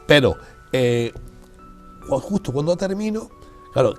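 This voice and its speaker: An older man from Málaga, a guest telling his story in a relaxed, animated way, full of asides. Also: on the high side, a little slow, soft background music. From Spain (Málaga). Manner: lively, animated, many fillers and asides. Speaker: guest, geographer. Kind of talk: casual conversational storytelling.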